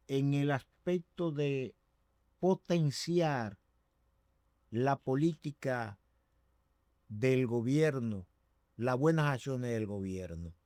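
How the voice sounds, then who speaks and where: A man co-hosting a political talk show who asks a question slowly and deliberately. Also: mid-range voice, mellow, no room sound.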